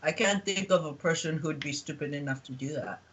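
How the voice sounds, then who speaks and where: A woman's voice: low-pitched, brisk, breathy edge. A woman putting on a bored, dismissive male viewer with a dry manner. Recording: dull, lo-fi, from off mic.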